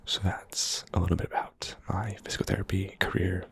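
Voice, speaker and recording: A man in his twenties whispering casual, rambling ASMR in a hushed voice, close to the ear. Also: deep voice, little pitch movement, a little fast, creaky, slightly rough. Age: 20s. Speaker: ASMR creator, physical therapy student.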